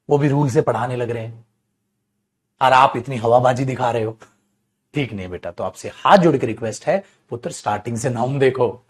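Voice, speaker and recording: A man teaching English grammar in an online coaching class, lively, calling students "beta" and answering his own questions. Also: medium pitch.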